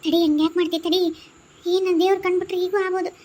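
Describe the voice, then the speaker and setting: A woman's voice: very high-pitched, flat delivery, rapid-fire, warm tone. A woman with a North Karnataka accent voicing a firm, consoling elder woman in a cartoon who gives soothing counsel. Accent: North Karnataka Kannada.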